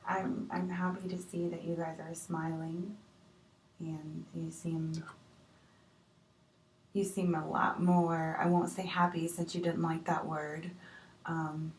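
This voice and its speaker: Lady doing a patient counselor, lowish voice, lots of ums, echoey room, far off. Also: little pitch movement, slow pace, pauses often. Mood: calm. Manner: gentle, hesitant with many fillers. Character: patient female marriage counselor. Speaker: counselor in role-play. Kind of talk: amateur improvised role-play. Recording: echoey room, distant mic, faint noise.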